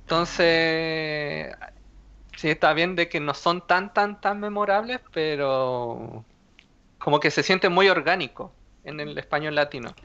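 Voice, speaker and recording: A man's voice: on the high side, slow pace, sharp tone, smooth. A man, co-hosting a casual film review chat in an informal, agreeable manner. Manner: brief agreeing interjections, informal. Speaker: podcast co-host. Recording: dull lo-fi audio.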